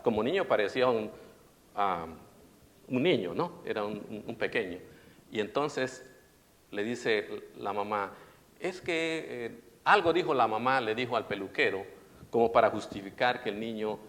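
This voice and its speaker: A man preaching a sermon in a lively way, often asking his congregation questions. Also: mid-range voice. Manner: animated, asks audience questions. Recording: long reverberant hall.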